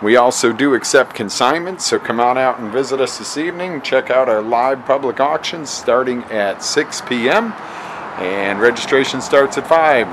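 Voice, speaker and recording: A man hosting a promotional walkthrough of an auction showroom, making an upbeat sales pitch and repeating times and addresses, recorded on a handheld camera mic while he walks around. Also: normal speed, background noise. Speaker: auction house host.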